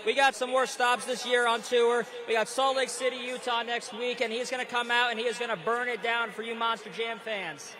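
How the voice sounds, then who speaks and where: A man's voice: very high voice, fairly even intonation, brisk, crowd noise. A man, a motorsport crew chief, giving an upbeat, reassuring live interview at trackside. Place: on the track at a stadium event.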